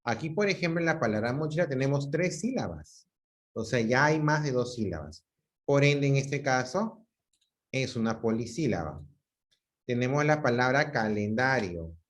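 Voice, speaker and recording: A man's voice: mid-range voice, animated, normal speed. A man from Peru teaching a class over a video call, patiently repeating examples and checking that students follow. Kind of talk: online class lecture.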